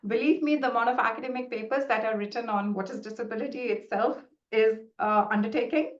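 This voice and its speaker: A middle-aged researcher whose first language is Hindi presents findings and answers questions in a webinar, explaining earnestly and often restarting her sentences. Her voice is fairly high, with fairly even intonation and a quick pace. The video call audio sounds roomy and muffled.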